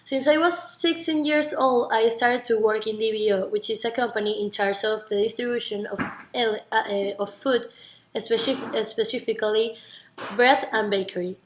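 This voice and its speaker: Being interviewed, a nineteen-year-old Venezuelan student from Margarita delivers a practiced self-introduction in earnest, stumbling at times in her accented, non-native English. She speaks at a moderate pace in a steady, slightly high voice, in an echoey room with a bit of hiss or hum.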